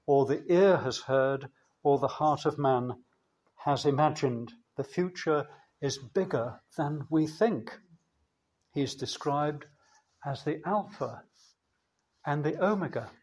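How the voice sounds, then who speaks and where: Slow, measured male preacher. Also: on the high side, a little mellow, breathy edge. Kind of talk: sermon.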